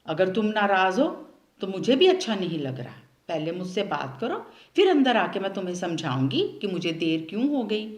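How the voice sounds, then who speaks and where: A woman's voice: medium pitch, big pitch swings, moderate pace, close to an everyday voice. A woman voicing a clever female fox who coaxes and pleads in a sweet, sing-song way in a storybook tale. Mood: pleading. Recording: roomy echo.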